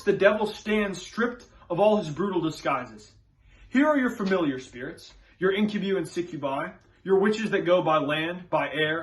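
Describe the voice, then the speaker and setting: In a stage drama, a man plays a scholarly reverend who hunts witches, his high voice earnest and preacherly as he leans hard on formal, archaic phrasing. The tone is fairly bright and the recording quality is low.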